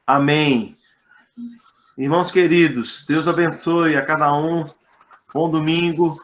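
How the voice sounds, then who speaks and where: A man's voice: on the high side, steady tone, slow, fairly bright tone. A Brazilian man leading a church class online, friendly and informal, stumbling over a list of names. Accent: Brazilian Portuguese. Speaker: Sunday school class leader. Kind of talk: casual online class talk.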